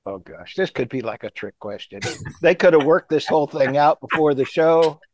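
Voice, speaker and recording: A man's voice: on the high side, expressive, moderate pace, no echo, dull audio. A man co-hosting a casual podcast chat, hesitant and mock-serious, often restarting his sentences. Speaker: co-host.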